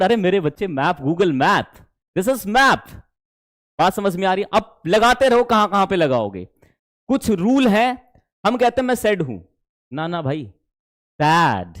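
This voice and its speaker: A man teaching spoken English in a live online class, coaxing his students and praising their answers, with an Indian accent in his English. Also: sits high. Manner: animated, coaxing, calls students "dear children".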